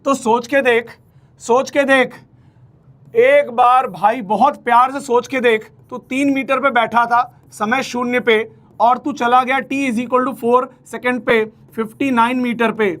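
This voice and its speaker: A man's voice: very high-pitched, steady tone, takes it slowly, a bit bright. A man teaching physics in an online exam-prep lecture, coaxing and familiar, repeating key phrases and speaking.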